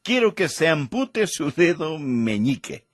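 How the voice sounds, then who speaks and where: A low, coaxing male tempter laying out a tempting deal, as a preacher puts him on. The voice is slightly husky and slow, close and dry with no room sound. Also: sing-song, dry recording. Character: smooth-talking male tempter offering a deal.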